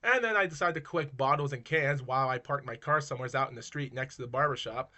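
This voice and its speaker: A man's voice: mid-range voice, fast talker, pushed and bright. A man telling viewers a personal street story in a rambling, casual vlog style, restarting sentences and often calling them guys. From Maine, United States.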